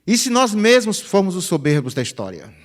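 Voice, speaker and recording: A pastor, preaching a chatty, conversational sermon. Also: male voice, high voice, brisk. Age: 50s. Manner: chatty, animated, peppers phrases with "né?". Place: church sanctuary. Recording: reverberant church hall.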